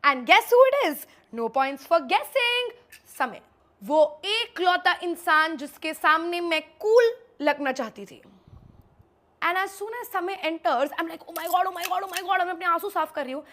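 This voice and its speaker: A young woman influencer telling a story in a rapid, dramatic way, switching between Hindi and English. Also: very high-pitched, expressive, a bit bright. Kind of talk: storytelling on a show.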